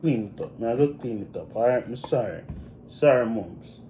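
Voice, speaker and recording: A man's voice: medium pitch, expressive, normal speed, warm tone, natural voice. A man playing the apologetic, pleading child of a strict Jamaican mother in a comedy skit. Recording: echoey room, faint noise.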